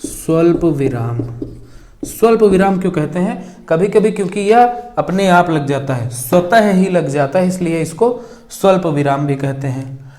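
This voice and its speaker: This young teacher's voice is on the high side and a touch mellow as he explains grammar at a board. Writing as he goes, he dictates slowly and echoes each word aloud. Questions come up constantly, and he answers them himself.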